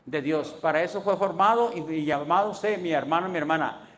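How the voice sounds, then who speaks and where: A man preaching a sermon as pastor, asking rhetorical questions and answering them, swinging between loud emphasis and low, quiet endings. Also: brisk.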